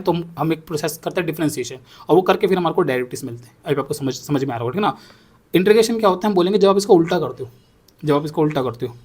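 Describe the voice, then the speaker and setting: A young man teaching a maths class, explaining step by step and checking in often with his students. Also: a little high. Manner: repeats himself, checks in with "ठीक है ना". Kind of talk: explaining on a whiteboard.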